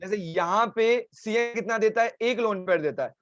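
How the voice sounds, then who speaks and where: Indian chem teacher guy on a live class, sore throat, fairly high voice, dull dry stream audio. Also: moderate pace, fairly bright tone, no room sound. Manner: talks to students, breaking off to answer chat complaints. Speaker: chemistry teacher. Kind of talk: live online chemistry lesson. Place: home, streaming over mobile data.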